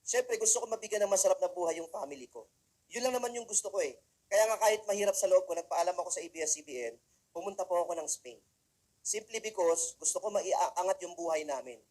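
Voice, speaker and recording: A man from the Philippines, working as a motivational speaker, gives a humorous talk to students in a high-pitched, darkish voice with lively intonation and a quick pace. He tells comic stories and speaks straight to his audience.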